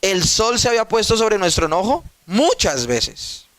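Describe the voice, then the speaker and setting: A man's voice: high-pitched, sing-song, moderate pace, a bit bright, dry recording. A male pastor preaching a sermon emphatically, putting rhetorical questions to his listeners and addressing them directly.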